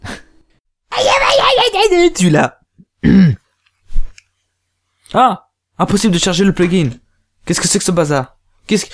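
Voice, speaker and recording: A man grumbling and fumbling words while setting up a voice recording. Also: mid-range voice. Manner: grumbling, fussing at his software. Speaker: amateur voice actor. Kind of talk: casual recording-session chatter.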